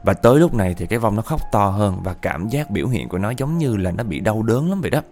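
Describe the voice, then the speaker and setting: A man's voice: fairly low pitch, fast. Chatty male storyteller. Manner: chatty, animated, addresses listeners. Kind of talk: casual ghost-story narration.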